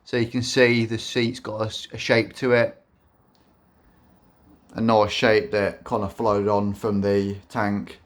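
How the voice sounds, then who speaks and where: Slow-paced and fairly low-voiced, a man walks viewers through his custom motorbike in an informal vlog. His self-described monotone is broken up by many fillers and restarts.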